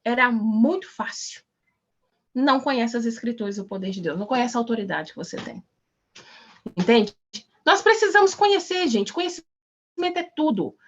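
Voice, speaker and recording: Emphatic woman teacher, high and animated, lo-fi call sound. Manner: emphatic, exhorting, rhetorical questions. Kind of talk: online class, preaching.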